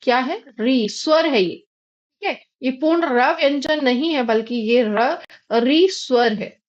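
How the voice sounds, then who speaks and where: Indian lady teacher, high voice, explains grammar step by step, kinda muffled audio. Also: a little slow. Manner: patient, asks and answers her own questions.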